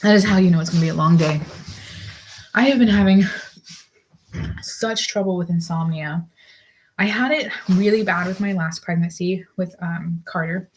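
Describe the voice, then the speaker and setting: A woman's voice: fairly low pitch, moderate pace, long pauses, a little hiss or hum, low-quality recording. A young woman chatting casually as she works on a sewing project, rambling with lots of fillers and out of breath. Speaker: sewing vlogger. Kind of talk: casual work-along chat.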